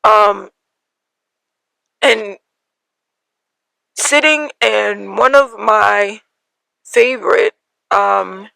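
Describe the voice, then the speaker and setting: A woman in her thirties hosting a podcast, telling a personal story in an emotional, halting way with many fillers and small laughs. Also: medium pitch, gravelly, sharp tone, no echo, poor audio. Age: 30s. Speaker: podcast host.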